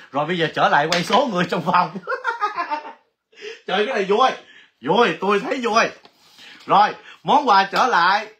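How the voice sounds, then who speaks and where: Excitable high-voiced man hosting a livestream. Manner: chatty and excitable, exclaiming often. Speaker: livestream host. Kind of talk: casual livestream giveaway chat.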